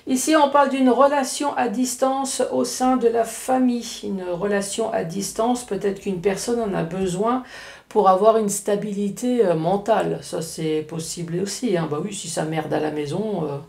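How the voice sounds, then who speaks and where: A woman's voice: mid-range voice, moderate pace, gravelly, darkish tone, roomy sound. A woman with an Alsatian accent giving a casual tarot reading, chatty and joking, with frequent tag words. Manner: chatty, joking asides, frequent "hein" tags. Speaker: card reader.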